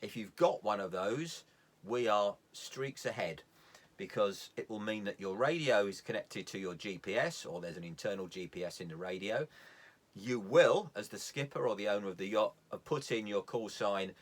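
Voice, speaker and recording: Speaking at normal speed in a lowish voice, a man leads an informal sailing lesson. He keeps it plain and step by step, hammering home key points by repeating them.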